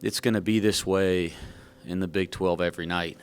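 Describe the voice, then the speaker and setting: A man's voice: low-pitched, fairly even intonation, moderate pace, smooth. A man coaching basketball, answering at a press conference while out of breath, frank and rambling with a self-joking manner. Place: press conference room at a podium.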